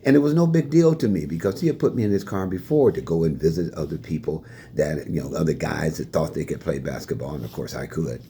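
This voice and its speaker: An older Fort Wayne, Indiana man, a retiring staff member passing on life lessons, chuckles through animated anecdotes as he answers questions. His voice is extremely low and quick, with few pauses, over slight background noise.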